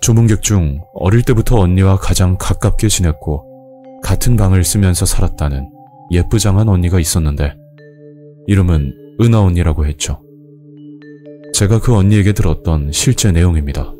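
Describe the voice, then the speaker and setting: A man's voice: low voice, normal speed, warm tone, faint music behind. A man narrating a scripted first-person horror story.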